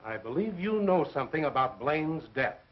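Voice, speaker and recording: An actor playing a stern, skeptical professor in an old horror film, with formal, measured, disapproving speech. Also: male voice, on the high side, big pitch swings. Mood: stern, indignant. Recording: muffled old film soundtrack.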